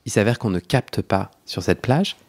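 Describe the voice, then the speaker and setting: A man's voice: lowish voice, lively intonation, normal speed, a little mellow, husky. A young man hosting a podcast, telling a story in a chatty way, laughing often and restarting his sentences. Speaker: podcast host. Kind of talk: casual storytelling chat.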